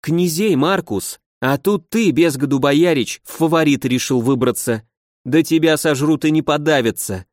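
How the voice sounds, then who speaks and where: A woman's voice: deep voice, moderate pace, dry recording, studio quality, close to an everyday voice. A man voicing a hot-tempered young noblewoman who nags and scolds her brother in an audiobook. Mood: scolding. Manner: sharp, nagging, reproachful.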